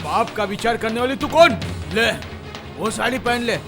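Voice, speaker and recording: A man's voice: extremely high pitch, moderate pace. An actor dubbing a greedy, scheming village husband who bullies his wife, in a film scene with music behind. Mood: harsh, scornful. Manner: harsh and domineering toward his wife. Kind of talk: Hindi film dub acting.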